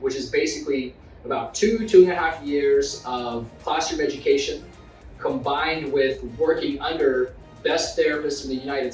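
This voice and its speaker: A man's voice: mid-range voice, darkish tone. A man who teaches physiotherapy, talking earnestly in a casual interview with some filler words. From Zimbabwe. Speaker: physiotherapy course instructor. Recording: roomy room, distant mic, faint music.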